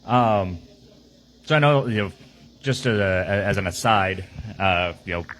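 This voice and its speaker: A man's voice: sits low, a little slow, fairly bright tone, slight background noise, rough recording. A man talking through his team's game on a casual podcast, rambling with lots of fillers and restarts. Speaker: team player on a podcast.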